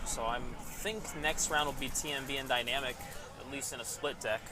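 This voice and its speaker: A man's voice: mid-range voice, moderate pace. A man casually commentating a live paintball webcast outdoors, chatty and rambling, laughing at himself. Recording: outdoor background noise.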